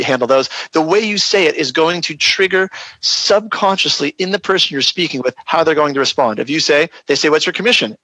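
A man answers interview questions in a webinar, explaining his sales method in an earnest, practical way. His voice is bright and fairly high for a man. The sound is dry and close. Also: no echo, poor audio. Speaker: real estate agent, guest expert.

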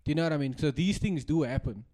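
A man's voice: a little high, fast, dark tone. A South African man co-hosting a podcast in casual banter, with laddish, bro-heavy slang. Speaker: podcast co-host.

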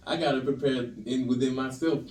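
A man guest talking in a calm, laid-back, slangy way in casual conversation. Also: medium pitch, brisk. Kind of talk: casual interview chat. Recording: echoey room, mic at a distance.

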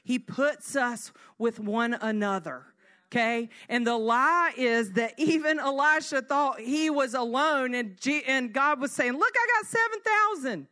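A middle-aged woman, giving a conversational sermon as an animated storyteller who often asks "right?". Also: on the high side, unhurried. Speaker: speaker at a church service.

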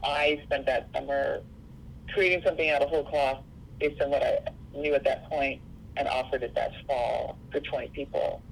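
A woman's voice: extremely low pitch, fairly even intonation, moderate pace, vocal fry, slight background noise, rough recording. A woman from Seattle, speaking as an interview guest in an earnest, reflective way. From Seattle, USA. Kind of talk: interview conversation.

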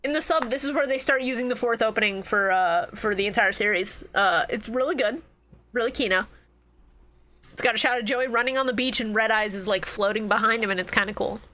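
Woman podcast co-host, bright and a touch high, giggly and animated, casual fan chat. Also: brisk.

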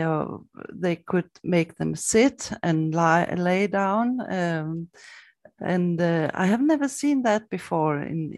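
A woman hosting a conversational interview, speaking in halting phrases with pauses as she thinks. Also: on the low side, darkish tone, no echo. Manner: halting, pausing between phrases. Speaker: interviewer, host.

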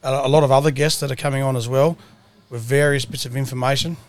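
A man's voice: mid-range voice, steady tone, quick pace. A man with a broad Australian accent co-hosting a podcast in casual, matey, colloquial chat. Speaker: podcast host. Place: mobile podcast setup at an outdoor rally.

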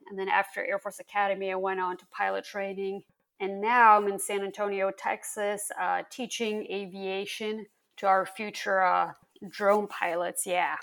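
A woman from Lithuania, a guest on a podcast, telling stories in a lively, animated, casual way. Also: mid-range voice. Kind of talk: casual interview chat.

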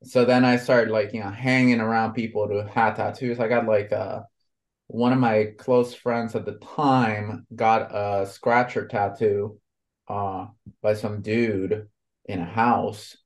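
A man in his thirties who grew up in Honduras talks about tattooing in a loose, rambling way. His voice sits a little low, and he leans heavily on fillers as he goes. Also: flat delivery, measured pace. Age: 30s. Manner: rambling, lots of fillers like "you know". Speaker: tattoo artist guest. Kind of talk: casual conversation.

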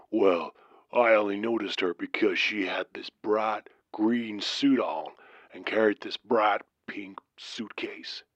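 A man voicing a trucker caller with a deep southern accent, telling a strange tale slowly in a hushed, drawling way. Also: no room sound, muffled recording. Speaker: caller in a story. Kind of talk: storytelling narration.

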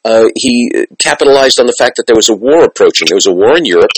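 A middle-aged or older man, a communications and theatre teacher, hosts an interview in an emphatic, conversational, teacherly style, repeating phrases for emphasis. His mid-range voice is expressive, quick, and a bit breathy. The audio is poor, with no room sound.

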